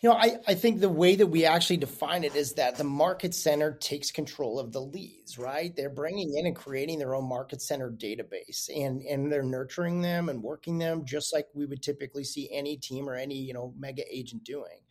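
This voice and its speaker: Man, interview guest, relaxed conversational, higher voice, filler-heavy. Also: a little fast, hardly any pauses. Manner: relaxed and conversational, many "you know" fillers. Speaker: guest, company director. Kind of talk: casual interview chat.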